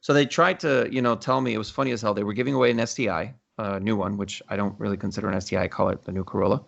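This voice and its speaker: A man hosting a casual podcast, telling stories in an animated, profane way. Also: fairly low pitch, racing, vocal fry, lo-fi sound. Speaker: podcast host.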